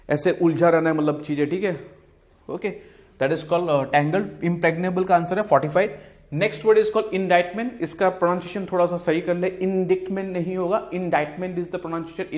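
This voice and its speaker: This exam vocabulary teacher has a high-pitched, slightly mellow voice and an Indian English accent. Switching back and forth between Hindi and English, he says each key word and answer twice over and fills the gaps with "fine" and "okay."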